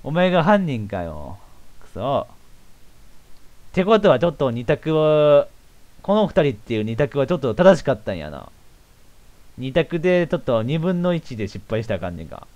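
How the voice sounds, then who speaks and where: A man with a commenting on a game as he plays, reacting loudly and thinking aloud. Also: mid-range voice, very animated, moderate pace, pauses often, lo-fi sound. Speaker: game streamer. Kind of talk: let's play commentary. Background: game organ music.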